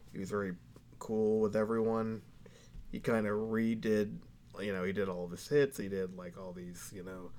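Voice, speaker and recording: A man co-hosting a podcast, chatting and telling stories in a relaxed, rambling way. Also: on the low side, a little hiss or hum. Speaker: podcast co-host. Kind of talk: casual chat.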